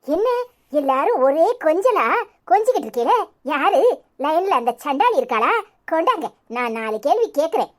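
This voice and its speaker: A woman voicing a sharp-tongued, dramatic middle-aged aunt in a cartoon, scolding loudly over the phone in a Tirunelveli accent. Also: very animated, moderate pace. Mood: taunting. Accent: Tirunelveli Tamil. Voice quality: high, shrill. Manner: nagging, shouting at the phone.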